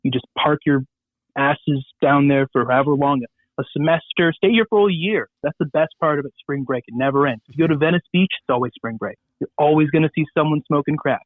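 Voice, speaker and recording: A man's voice: on the high side, a little fast, dry recording. Man on a tinny phone line. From Southern California. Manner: loose, rambling, crude humor with many fillers. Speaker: guest. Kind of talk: casual radio interview.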